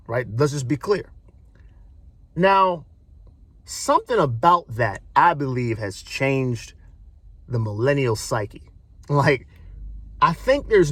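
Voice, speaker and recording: Man, 30s, slightly husky and animated delivery, casual emphatic monologue host. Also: a little high, no echo. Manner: casual, emphatic, repeats and restarts phrases. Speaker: video host. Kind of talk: unscripted opinion monologue.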